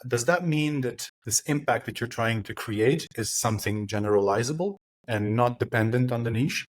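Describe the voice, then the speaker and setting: A man's voice: mid-range voice, moderate pace. A man hosting a podcast interview, asking long questions in a hesitant way with many filler sounds. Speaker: podcast host.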